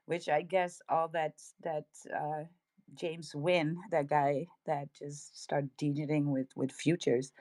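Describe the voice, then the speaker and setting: A woman with a deep voice and a Dutch accent co-hosts a crypto livestream with no echo. She gives casual, upbeat market commentary, laughing often and throwing in hype slang.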